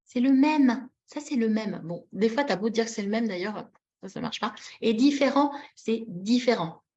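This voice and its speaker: Woman, trainer, fairly high voice, animated, repeats key words, expressive demonstrations, video call, dull lo-fi audio. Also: normal speed. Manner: acts out short example phrases with expressive intonation. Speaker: webinar trainer teaching baby signs. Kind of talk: live teaching demonstration.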